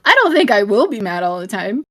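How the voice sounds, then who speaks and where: A young adult woman live-streaming, talking straight to her chat in a blunt, profane, rambling rant, at times shouting and often apologizing. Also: medium pitch, very animated, fairly quick. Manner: profane, blunt, swears constantly. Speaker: livestreamer.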